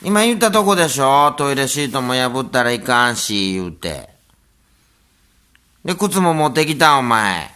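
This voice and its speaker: A middle-aged man with a Kansai accent, talking to and scolding his pet dog in a casual, drawn-out way. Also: mid-range voice, sing-song. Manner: slow, drawn-out scolding of a pet, half soft, half raised. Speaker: dog owner.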